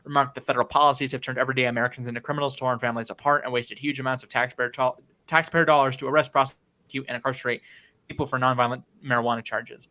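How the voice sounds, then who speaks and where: Bright-voiced young man reading notes. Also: mid-range voice, fairly even intonation, very fast. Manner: reads notes aloud with crude asides and frequent restarts. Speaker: stream co-host. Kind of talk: casual political discussion.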